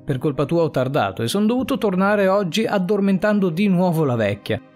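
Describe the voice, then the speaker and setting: Brief: man reading as a menacing storybook villain, cold and taunting, lively pitch. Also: a little fast, faint music behind. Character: cold gloating male criminal, menacing.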